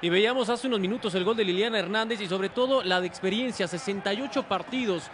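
Man, high-pitched, analysing a football match. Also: quick pace, fairly bright tone. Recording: clear outdoor stadium noise behind voice.

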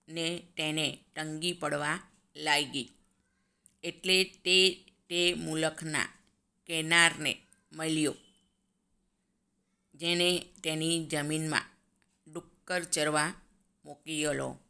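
A woman teacher giving a grammar lesson, reading out word lists slowly and deliberately. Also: low-pitched, steady tone, gravelly, pushed and bright. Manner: slow, reads word lists aloud deliberately.

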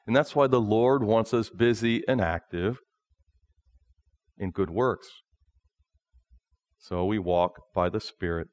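A man in his thirties, a pastor preaching a sermon from a lectern in a small church, in a slow, measured delivery. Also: on the low side, fairly even intonation, darkish tone, dry recording. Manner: slow, measured preaching, often reading from notes.

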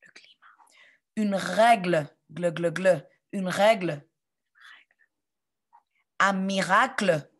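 A woman teaching a phonics lesson to children, saying sounds and words clearly and pausing for them to repeat. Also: lowish voice, a bit bright.

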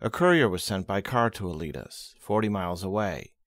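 A man reading a history book aloud as an audiobook, expressive and dramatic, closely recorded. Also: low voice, a little fast, dry recording, clean studio sound. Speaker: audiobook reader.

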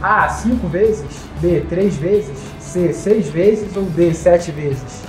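A woman's voice: on the low side, slow. A Brazilian woman hosting a quiz, reading out questions and answer options. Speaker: quiz host. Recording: echoey, light music behind.

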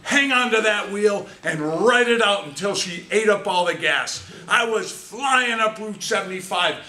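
In a speech contest, a sixty-something American man tells a theatrical tall tale to a live audience, his voice sitting high, expressive, and sharp, delivered dramatically and emphatically with deliberate pauses. The small indoor meeting room echoes, and the distant camera mic, a few meters off, picks up faint noise.

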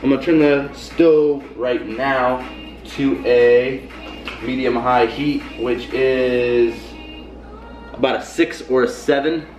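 In a small home kitchen, this twentysomething fitness vlogger with a cold talks through his cooking one step at a time, plainly and casually, recorded on a camera mic. His medium-pitched voice is steady, slow and a little mellow. The audio is dull, with faint background music.

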